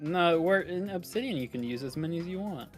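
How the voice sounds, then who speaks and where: A man joking around as a tabletop game player on a voice call, stammering when excited. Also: on the high side, brisk, soft background music. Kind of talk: casual chat on a voice call.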